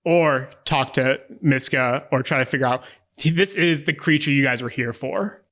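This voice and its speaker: A man improvising narration as a tabletop game master, casual and descriptive, halting as he searches for words. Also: medium pitch, a bit bright.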